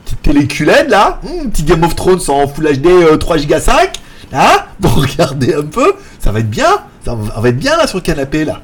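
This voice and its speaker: A man hosting a casual tech live stream, rambling and joking, laughing often and mimicking other people in a high voice. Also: huge pitch swings, moderate pace, slight background noise. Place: apartment in Thailand.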